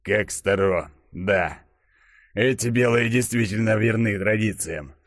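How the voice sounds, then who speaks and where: A man voicing a seasoned, stern male chief who speaks in a gruff, measured, growling way. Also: on the low side, dry recording, clean studio sound, lightly acted.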